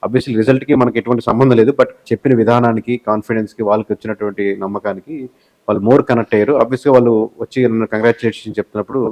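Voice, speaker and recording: The recording is low quality, capturing a man whose voice sits on the low side, slightly mellow, with fairly even intonation and a racing pace. He's a guest heading an election survey company, explaining things in interview answers as a political analyst. Originally from Telugu-speaking southern India, he has a Telugu accent and sprinkles in English phrases.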